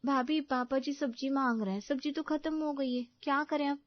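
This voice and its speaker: A woman's voice: high voice, steady tone, normal speed, no room sound, muffled recording, pitched above the performer's own voice, close to an everyday voice. A woman voicing a worried young brother-in-law in a cartoon story.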